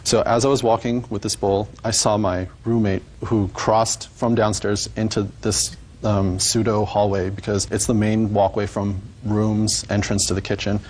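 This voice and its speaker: Male defendant testifying, lowish pitch, hesitant delivery, some room noise behind him. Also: level tone, normal speed, a little mellow, poor audio. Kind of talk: courtroom testimony.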